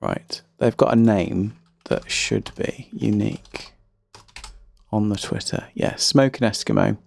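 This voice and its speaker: A man's voice: fairly low pitch, slow pace, gravelly, darkish tone. A man with a faint Birmingham accent hosting a casual solo music podcast, chatty, rambling and self-deprecating. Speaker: podcast host.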